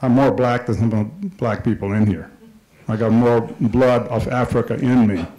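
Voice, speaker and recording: In a spacious indoor hall with a screen, a middle-aged man from Kenya grips a handheld mic and speaks with passion and emphasis, restating his central points. His mid-range voice is warm and steady, at a moderate pace, over poor audio.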